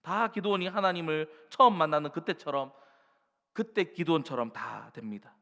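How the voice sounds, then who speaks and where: A male pastor delivers a sermon in a church sanctuary. His voice sits a little high, and a long reverb trails after his words. He urges the congregation on and acts out the doubts of struggling believers. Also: moderate pace, vocal fry, pushed and bright. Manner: exhorting the congregation.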